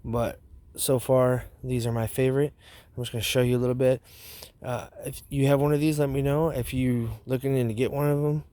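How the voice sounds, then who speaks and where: Man, casual review vlogger, dip of chewing tobacco in mouth, medium pitch, dry outdoor sound. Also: little pitch movement, brisk, dark tone, dry recording. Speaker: knife review channel host. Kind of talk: casual product review vlog.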